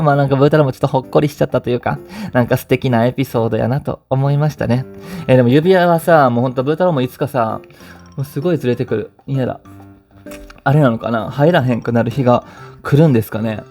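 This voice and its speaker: A man's voice: medium pitch, gravelly, a little mellow. A man with a Kansai accent hosting a casual radio-style podcast, reading listener stories in a chatty way and laughing often. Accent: Kansai Japanese. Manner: chatty, laughs often, refers to himself by nickname. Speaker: podcast host. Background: faint background music.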